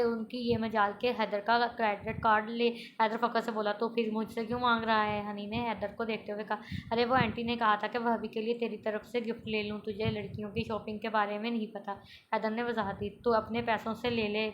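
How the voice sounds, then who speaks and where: A woman's voice: fairly high pitch, muffled recording, a little hiss or hum. A woman reading a romantic novel aloud, voicing all the characters in her own voice with small stumbles and restarts. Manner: reads every character in a mostly plain voice, with small stumbles and restarts. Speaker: novel reader.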